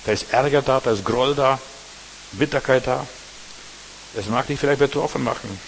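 Man, preacher, emphatic sermon, mid-pitched voice, faint hiss. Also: moderate pace, rough recording. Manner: emphatic, talks straight to the congregation with repeated tag questions.

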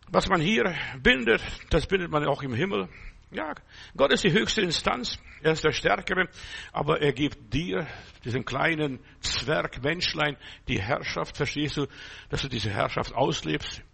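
A man delivers an emphatic, repetitive sermon, quoting scripture between his points. His voice sits a little high and sounds gravelly. It is husky rather than clear. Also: a bit bright. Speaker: preacher.

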